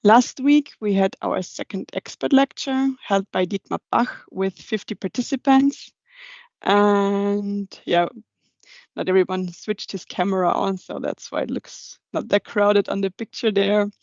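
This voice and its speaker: Creaky and somewhat dark, this young woman's mid-range voice stays steady while she walks a young engineers' group through an informal slide deck on a video call. Her English is halting and non-native in phrasing. The recording is dry, with dull, slightly muffled online call audio.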